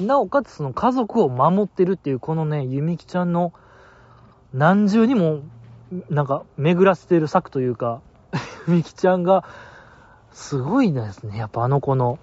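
A man's voice: a little high, animated, normal speed, darkish tone, no echo. A man with a Kansai accent hosting a casual solo talk show, rambling and chuckling through listener mail. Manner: rambling, chuckling, many fillers. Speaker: radio host reading listener mail. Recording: dull lo-fi dry recording.

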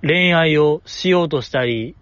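Solo podcast host, male, highish voice, dry dull recording. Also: unhurried, no echo. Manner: rambling, animated, with frequent laughs. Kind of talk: casual solo chat.

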